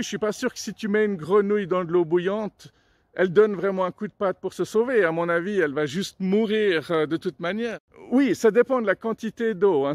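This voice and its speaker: A man's voice: high voice, dry recording. A man casually telling jokes and little stories, chatty and digressive, with plenty of filler sounds. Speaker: storyteller. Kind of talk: casual joke and story telling.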